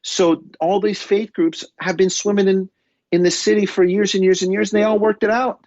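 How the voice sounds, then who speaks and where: A man's voice: high voice, level tone, normal speed, darkish tone, no echo, muffled recording. A man with a New York accent, co-hosting a podcast in a casual, rambling chat with many restarts and stammers. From New York State. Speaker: podcast co-host. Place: London.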